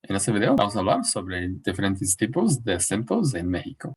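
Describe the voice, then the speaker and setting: A man's voice: lowish voice, huge pitch swings, moderate pace, darkish tone, husky. A man from New Zealand with English as his first language, hosting a casual interview and asking curious questions. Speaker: host.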